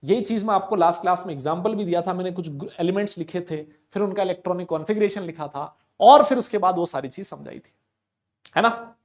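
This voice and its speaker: A man teaching chemistry in a live online class, speaking loudly and repeating students' questions back to them. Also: high voice, quick pace. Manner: loud, talks to students, voices their questions back. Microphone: desk mic with level meter.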